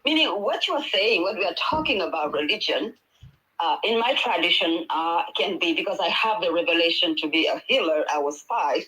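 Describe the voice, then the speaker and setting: Speaking over a video call, a midwife and healer from Senegal, a native Wolof speaker with a Senegalese accent, talks earnestly and conversationally on a panel, rambling with fillers and restarts. Her fairly low voice is expressive and brisk, with a crowd audible behind her in a rough recording.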